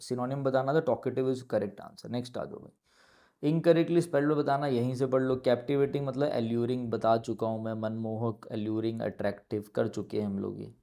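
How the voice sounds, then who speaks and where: A man's voice: mid-range voice, steady tone, moderate pace, vocal fry, warm tone. A man teaching an exam-prep English lesson with an Indian English accent, mixing Hindi and English and spelling words out letter by letter.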